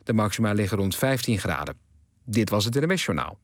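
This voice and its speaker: A man reading a radio news bulletin in an even, measured way, in a studio. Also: on the low side, no room sound. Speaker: newsreader.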